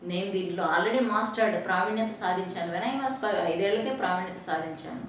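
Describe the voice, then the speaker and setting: A woman teacher with a Telugu accent, reading English lines slowly and explaining each sound in a recorded class lesson. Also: medium pitch, slight background noise. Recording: echoey room, voice from a distance.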